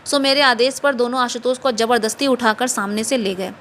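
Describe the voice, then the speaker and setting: Bright-voiced woman reading a story. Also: a little high, a little hiss or hum. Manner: steady, measured storytelling with a closing sign-off. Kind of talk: reading a literary short story aloud.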